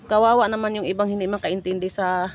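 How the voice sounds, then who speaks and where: A woman's voice: medium pitch, steady tone, fast talker, slight background noise. Brief: out-of-breath woman vlogger with a Cebuano accent, chatty, recorded outdoors on a phone. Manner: breathless, chatty, laughing often. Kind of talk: casual vlog, walking and chatting. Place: outdoors, hillside village.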